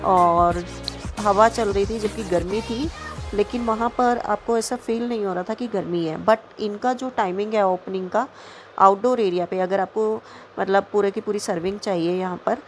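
A young woman with a North Indian accent does a casual, chatty vlog voice-over at normal speed in a medium-pitched voice. She mixes English words and phrases into her speech and often checks in with the listener, with soft music in the background.

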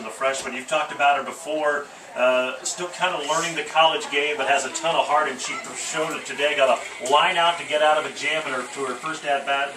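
A male sports radio announcer conducts a postgame interview from a small wooden press box, asking long, rambling questions with restarts into a headset mic. His voice is fairly high and recorded from a distance, with echo, off-mic sound, and noisy outdoor ambience.

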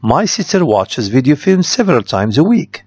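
A man's voice: on the high side, very animated, moderate pace, slightly rough, no echo. A man, teaching English by reading out the answers of a test and explaining points in Darija. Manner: reads answers aloud, switches to Darija to explain. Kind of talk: test correction lesson.

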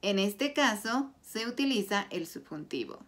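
A woman teaching a Spanish grammar lesson, explaining clearly and deliberately through example sentences. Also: mid-range voice, animated. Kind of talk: slow scripted grammar lesson.

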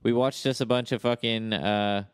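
A man's voice: medium pitch, steady tone, normal speed, smooth, no echo, clean studio sound, lightly acted. A man voicing a crude, boastful mock Australian bloke with jokey, exaggerated slang.

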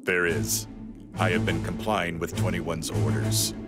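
A hulking android warrior from a video game. The voice is low and slow, stoic and formal, with loud music behind it. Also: male voice. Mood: stoic, grave. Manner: slow, flat, formal delivery.

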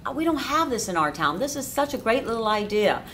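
A middle-aged woman from Florida who owns a cinema cafe gives conversational answers as an interview guest inside a dim cafe theater. She talks fast with a fairly high, fairly bright voice that swings widely in pitch. A little hiss or hum is audible.

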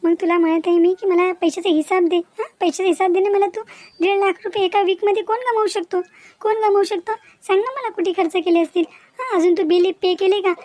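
A woman's voice: very high voice, steady tone, a little fast, darkish tone. A woman voicing a young educated village woman in a cartoon, upset and confronting the boyfriend she ran away with. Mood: accusing. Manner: pleading then demanding, confrontational. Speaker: cartoon character. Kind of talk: Marathi cartoon voice acting.

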